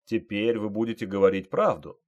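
A man voicing a stern male army sergeant who barks orders slowly and loudly, in an audiobook reading. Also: fairly low pitch, highs cut off, natural voice. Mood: commanding. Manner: barking orders, loud and slow.

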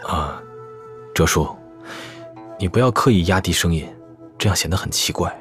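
An actor playing a calm, dry young swordsman in an audio drama, speaking politely and matter-of-factly. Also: low voice, moderate pace, soft background music. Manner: restrained, matter-of-fact, polite. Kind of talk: audio drama character acting.

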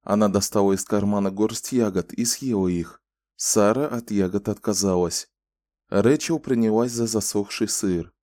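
A male audiobook narrator with a low, dark, mellow voice, telling the story in a calm and measured way. He sits close to the mic, and the recording is dry, with no room sound. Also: dry recording.

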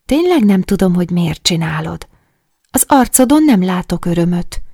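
A woman voicing a gentle, wise little boy who talks softly and patiently, in an audiobook. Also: fairly low pitch, very animated, dry recording, studio quality. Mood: curious. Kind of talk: audiobook character voice.

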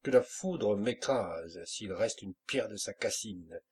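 A man's voice: fairly low pitch, animated, slow, a little mellow, husky, heavily acted. A man reading an audiobook, voicing a fierce, hot-tempered pirate captain who talks in brusque, commanding bursts. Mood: blustering.

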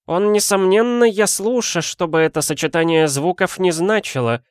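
Man doing an old lady countess, high and calm, dry close voice. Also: normal speed, clean tone, dry recording, close to an everyday voice.

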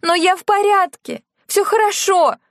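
A woman reading a novel aloud, voicing a distraught teenage girl who pleads and shouts. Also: very high-pitched, animated, slow, no echo, clean studio sound, voice pushed up, exaggerated voice. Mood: pleading. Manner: pleading, shouting through tears. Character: upset teenage girl, desperate and defiant.

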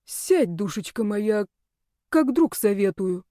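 A woman voicing a brash young man who coaxes his friend warmly. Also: mid-range voice, lively intonation, slow pace, no echo, clean studio sound. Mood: coaxing.

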